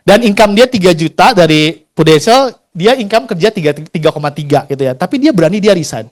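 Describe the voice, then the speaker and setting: A fast-talking man in his forties with a high, bouncy voice tells his career story to a crowd of colleagues. He is chatty and slangy, and he acts out the people he quotes. His pitch swings widely as he goes. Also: lively intonation. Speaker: insurance agent sharing his career story. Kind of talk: motivational storytelling talk.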